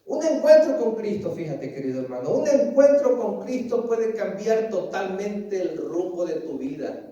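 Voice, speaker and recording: Male pastor, sermon, high mellow voice, earnest questioning, far from the mic. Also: sing-song, moderate pace, dull audio. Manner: earnest, presses listeners with repeated questions; keeps asking "¿sabes?" and calls listeners "querido hermano". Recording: echoey, distant mic.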